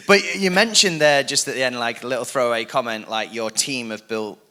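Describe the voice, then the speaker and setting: Bright-toned, relaxed male interviewer. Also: medium pitch, normal speed. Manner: relaxed, affirming, many short "yeah" replies. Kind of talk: casual conversational interview.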